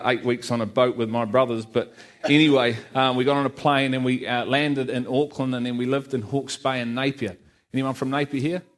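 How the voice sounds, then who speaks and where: Middle-aged man, church testimony, earnest, heartfelt, medium pitch. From Liverpool, England. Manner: earnest, heartfelt, with light asides to the congregation. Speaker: guest speaker giving testimony.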